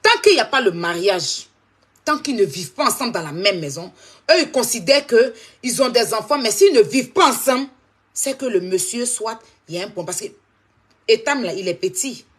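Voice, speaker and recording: A woman's voice: a little high, animated, brisk, slightly rough. A woman hosting a live stream, talking straight to her viewers and repeating her points insistently.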